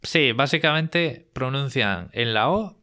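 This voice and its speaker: A man's voice: mid-range voice, lively intonation, slow pace, pushed and bright. A man from Galicia with a Spanish accent, a guest explaining things in a casual interview, with plenty of fillers. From Galicia, Spain.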